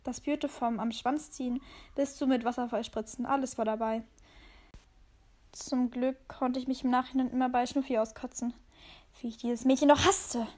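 A woman reading a fan story aloud with expressive first-person storytelling. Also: high voice, moderate pace. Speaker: story reader.

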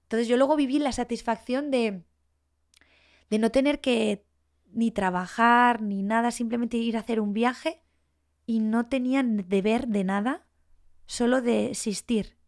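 A woman in her forties with a Spanish accent from Spain speaks a little slowly in a voice on the high side. As a podcast guest, she tells her own story candidly and with emotion, animatedly acting out what people said.

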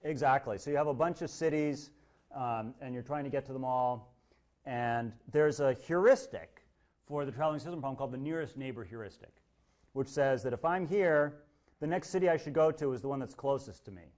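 A man's voice: medium pitch, a little fast. A man lecturing a university class in a casual, joking way, acting out little quoted voices as he explains. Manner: lively, jokey, acts out quotes. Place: lecture hall.

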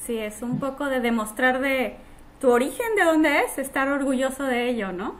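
Lady hosting a chatty podcast interview, high voice, lots of "este" fillers. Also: moderate pace. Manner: friendly, uses fillers like "este", laughs often. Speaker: podcast host. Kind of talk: casual interview.

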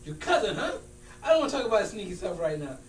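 Distant echoey room. Male actor as stubborn, argumentative coach in a comedy scene, very animated delivery. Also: high voice, quick pace, a little hiss or hum. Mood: insistent. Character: stubborn, easily riled basketball coach arguing with friend. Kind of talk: acting class comedy scene. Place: large room with small stage, indoors. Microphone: far camera.

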